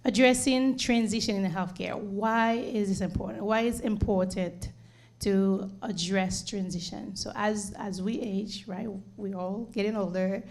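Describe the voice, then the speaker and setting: This nurse and home care leader, a middle-aged Haitian woman with a matching accent, talks in an unhurried, steady voice that's mid-range and darkish. Her community presentation is earnest, though she says "um" a lot and repeats words often.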